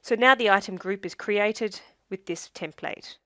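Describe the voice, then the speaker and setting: A woman narrates a scripted software tutorial as the demonstrator, guiding viewers in a measured, step-by-step way. Her voice is medium-pitched, and the studio-quality recording has no room sound.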